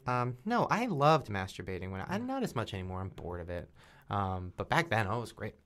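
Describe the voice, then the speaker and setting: A man's voice: on the low side, very animated, fairly quick, fairly bright tone. A young man in his twenties, a podcast guest, chatting candidly and mocking himself, laughing easily. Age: 20s. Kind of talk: casual chat.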